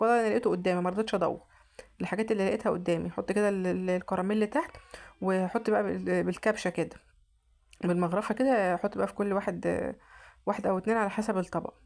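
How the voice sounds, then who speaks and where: Egyptian woman vlogger, very quick, chatty home-cooking voice-over, trips over her words. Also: mid-range voice, fairly even intonation, creaky, a little mellow. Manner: chatty, repeats and restarts often. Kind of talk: casual cooking narration.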